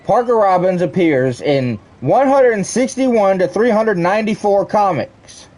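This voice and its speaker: A young man streaming, chatting casually and rambling excitedly to his viewers, prone to ranting. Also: high voice. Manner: rambling, excitable, quick to rant.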